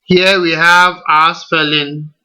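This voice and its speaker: His voice is fairly high, bright, forceful, and clean-toned, yet his delivery stays flat as this Ghanaian English-speaking man works through a screen-recorded software tutorial. He proceeds slowly and deliberately, step by step, with rhetorical questions, on a rough recording.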